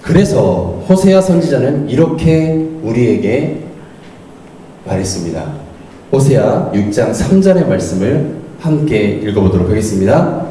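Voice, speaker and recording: A middle-aged man preaching a sermon as an associate pastor, lively and animated, acting out quoted lines as he teaches. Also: medium pitch, a little slow. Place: church hall. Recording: roomy church hall, mic at a distance, faint noise.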